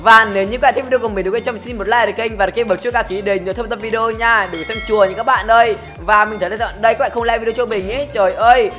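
A woman with a fairly high voice gives casual game commentary, teasing and laughing as she plays. Her words sit over clearly heard game music. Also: fairly even intonation, very fast, hardly any pauses. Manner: playful, teasing, laughs often. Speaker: gaming channel host.

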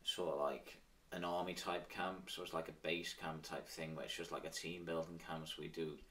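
A man's voice: low voice, fairly even intonation, moderate pace, bright, forceful tone, recorded from a distance. A man in his thirties with an Isle of Man accent, reminiscing informally as an interview guest, in a loose conversational way. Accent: Manx, Isle of Man. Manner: informal, with frequent "sort of" and "like". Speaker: interview guest, former professional cyclist.

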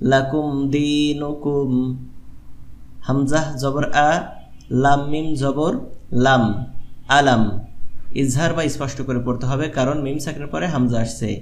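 A man gives an online Quran reading lesson, spelling out letters and stretching syllables slowly as he demonstrates. His voice sits at a middle pitch. The room around him is echoey. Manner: slow, drawn-out syllable-by-syllable demonstration. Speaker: Quran recitation teacher.

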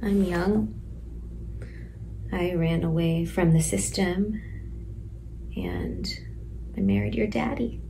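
A woman playing a pregnant sixteen-year-old girl in detention, speaking softly and slowly in a stage monologue, some lines whispered. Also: lowish voice, expressive, slight background noise, low-quality recording. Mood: tender. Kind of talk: stage monologue, letter to her unborn baby.

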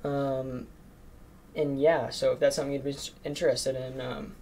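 A teenage man with a gravelly, fry-heavy voice pitches his marketing service on cold calls, with a faint hiss behind him. He talks nervously, filling gaps with "um" and "like". His voice sits at an ordinary pitch for a man. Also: flat delivery, normal speed, a little mellow. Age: teens. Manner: nervous, lots of fillers like "um" and "like". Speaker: marketing agency owner cold calling. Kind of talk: recorded cold calls and casual commentary.

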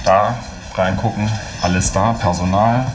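Young man with a low voice. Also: a little slow, noisy background. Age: young adult. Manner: relaxed, tags sentences with "ne?". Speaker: skinhead mail-order shop owner. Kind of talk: casual documentary interview and shop tour. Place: small shop office and storeroom, indoors.

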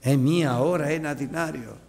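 A man preaching a sermon on a Gospel passage, animated, swinging from high exclamations to low asides and acting out the voices he quotes. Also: vocal fry, long reverb tail.

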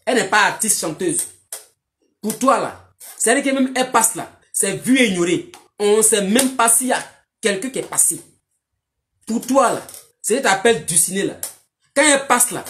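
A woman, delivering a mocking, scolding monologue aimed at a man, repetitive and emphatic. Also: medium pitch. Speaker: online commentator.

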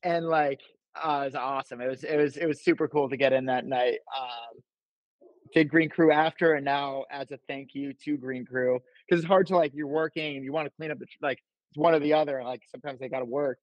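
A man's voice: mid-range voice, fairly even intonation, a little fast, no room sound, lo-fi sound. A young man from New Jersey, a podcast guest, telling loose rambling stories and saying "like" constantly. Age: young adult. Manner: laid-back, filler-heavy, says "like" constantly. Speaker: podcast guest, baklava vendor. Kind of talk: casual chat, rambling storytelling.

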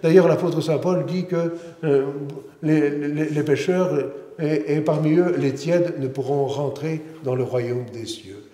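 A middle-aged man preaches earnestly from a big church interior, where the sound echoes with long reverb. His voice is on the high side and dark in tone, his pace measured, and he frequently starts over and repeats himself.

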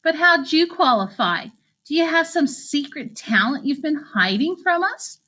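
A woman reading an audiobook voices a sharp-tongued, competitive teenage girl who talks in a sweetly mocking, sing-song way. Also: high-pitched, animated, a little slow, voice pushed up, full character voice.

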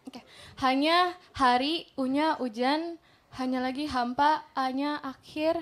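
A young woman taking part in a stage word game, thinking aloud in a playful, animated way. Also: high-pitched, slow pace. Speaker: game contestant. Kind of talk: playful live stage banter. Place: live theater stage. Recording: noisy live audience around.

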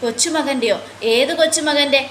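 A woman puts on an old grandfather from a TV serial, bewildered and anxious, firing off puzzled questions. The voice sits fairly high and rings in a roomy space. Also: steady tone, a little fast, a little hiss or hum, close to an everyday voice. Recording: roomy echo.

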